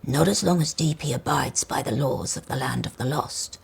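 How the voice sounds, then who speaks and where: A woman voices an old, rusty male toy car in a storybook, pushing her voice down to an extremely low pitch in a full character voice. Croaky, grave, and wise, the car explains things slowly and ominously.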